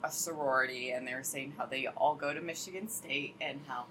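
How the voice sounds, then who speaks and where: Bright-voiced young woman telling a story. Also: a bass voice, fairly quick, slight background noise, low-quality recording. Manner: chatty storyteller, heavy use of "like", laughs often. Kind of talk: casual chat.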